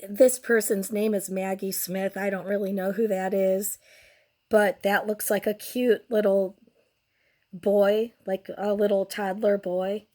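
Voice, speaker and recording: With a cold that has left her voice nearly gone, a young woman hosts a casual commentary show, speaking at medium pitch with little pitch movement and a slightly mellow quality. She comes across as crude and sardonic, her speech slow and drawn out.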